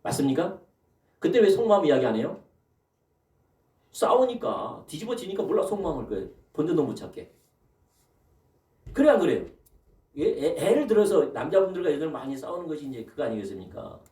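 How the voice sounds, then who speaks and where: A man's voice: fairly high pitch, fairly quick, long pauses. A man preaching a sermon as pastor, throwing rhetorical questions to the congregation and calling for amens. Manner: animated preaching with rhetorical questions and calls of amen. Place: church sanctuary. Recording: echoey church hall from a distant mic.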